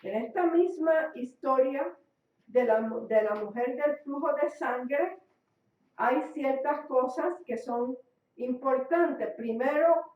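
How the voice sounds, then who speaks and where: A woman's voice: high voice, darkish tone. A woman preaching a sermon for a radio program, speaking emphatically and repeating key phrases. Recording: echoey, distant, dull lo-fi recording.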